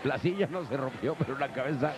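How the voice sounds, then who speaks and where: A man's voice: medium pitch, quick pace. A man with a Mexican accent giving jokey, colloquial live wrestling commentary. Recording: noisy arena broadcast. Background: loud arena noise.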